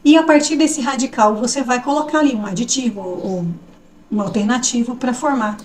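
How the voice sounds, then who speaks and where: A woman's voice: a little high, fairly quick, a little mellow, recorded from a distance, slight background noise. A woman teaching an online grammar lesson in a conversational, explanatory way, often checking in with the listener.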